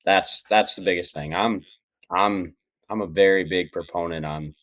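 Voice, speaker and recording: Low-voiced man, casual podcast guest. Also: fairly even intonation, normal speed, a bit bright. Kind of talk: casual interview chat.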